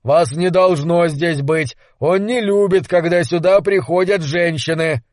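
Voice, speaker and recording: Man playing a big young bully, slow loud sneer, dry. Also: a little high, expressive, dry recording. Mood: menacing.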